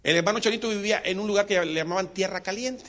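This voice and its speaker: Lively male preacher, call-and-response sermon, slightly high voice. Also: fast talker. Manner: animated, call-and-response with congregation. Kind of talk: sermon storytelling.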